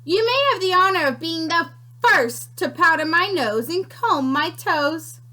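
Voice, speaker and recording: A crackly little female sand creature, put on by a woman reading aloud, bossy and smug, drawing every word out slowly. The voice sits high and swoops a lot. It is a storybook character, not an everyday voice. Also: animated, bright, forceful tone, heavily acted. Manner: slow and drawn out.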